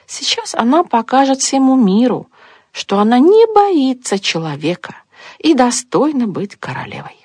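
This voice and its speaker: Husky woman reading a fairy tale. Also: fairly high pitch, moderate pace, no room sound. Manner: expressive storybook reading with moralizing close. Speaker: storyteller.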